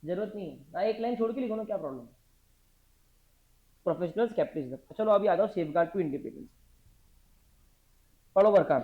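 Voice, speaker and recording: A man's voice: high voice, lively intonation, normal speed, long pauses. Man teaching, drilling the class with questions. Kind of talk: classroom lecture, dictating notes. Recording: dull lo-fi classroom recording.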